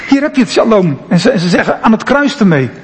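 Male pastor, earnest and reflective sermon, fairly high voice, long church echo. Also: big pitch swings, quick pace. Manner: earnest, reflective, drops to near-whisper at times. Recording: long church reverb, faint ambient noise.

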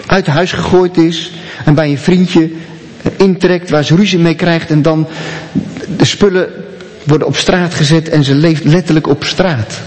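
A man's voice: fairly high pitch, steady tone, unhurried, darkish tone, big-room sound. A man preaching a sermon, telling a story and talking directly to his listeners.

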